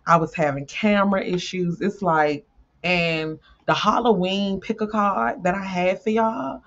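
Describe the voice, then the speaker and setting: A woman's voice: on the low side, a bit bright. Chatty woman tarot reader, lo-fi audio. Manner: chatty, repeats herself, swears freely. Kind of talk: casual chat to viewers.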